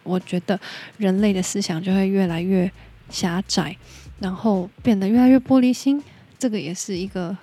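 Woman podcast host with a Taiwanese accent, mid-pitched and warm, frank casual monologue with some English mixed in. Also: slightly rough. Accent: Taiwanese Mandarin. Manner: candid and opinionated, drops in English words. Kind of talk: casual solo podcast chat.

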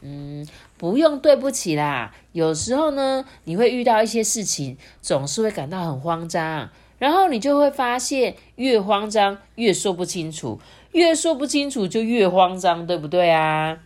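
A woman voicing a kind woman doctor in a children's storybook, speaking slowly and encouragingly. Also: mid-range voice, sing-song, a little mellow, pitched above the performer's own voice, natural voice. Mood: reassuring. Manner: reassuring, slow, encouraging.

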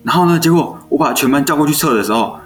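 With a slightly high voice and a quick pace, a twentysomething teacher with a Taiwanese Mandarin accent chats casually about his elementary school classroom. He's an animated storyteller who acts out quoted dialogue, over faint background music.

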